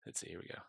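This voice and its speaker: A man's voice: sharp tone, dry recording. A man running an online tabletop game as game master, talking loosely with many ums and uhs.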